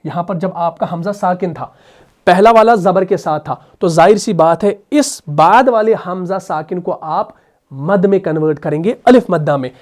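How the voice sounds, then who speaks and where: A man's voice: sits high, a little mellow. Man teaching with self-answered questions. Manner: asks rhetorical questions and answers them; drills sounds by slow repetition. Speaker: Quran recitation teacher. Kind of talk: explanatory tajweed lesson.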